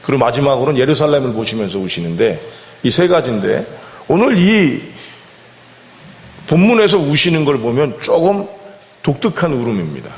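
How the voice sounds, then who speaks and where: Very animated yet speaking at a normal speed with long pauses, a senior pastor with a mid-range voice gives a conversational sermon in the church sanctuary. He regularly puts questions to the congregation, and the hall's long reverb fills the recording.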